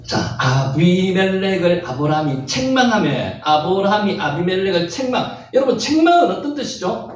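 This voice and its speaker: A man's voice: high voice, big pitch swings, moderate pace. A man giving a Bible lecture, stressing key words by repeating them and quizzing his listeners. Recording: very echoey room, mic far off.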